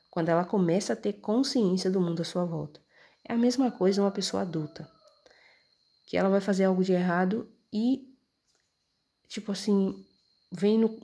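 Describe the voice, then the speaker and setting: Woman, casual scripture lesson, husky voice, dark timbre, conversational, points at text. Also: lowish voice. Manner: conversational, checks in often with "tá?" and "entendeu?"; points at text while reading. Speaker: religious teacher explaining scripture. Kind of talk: casual explanatory talk.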